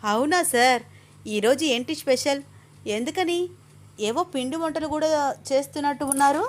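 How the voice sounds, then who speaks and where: A woman voicing a lively young woman who exclaims and protests in a raised, animated voice. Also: sits high, moderate pace, pitched above the performer's own voice, lightly acted. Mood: chatty.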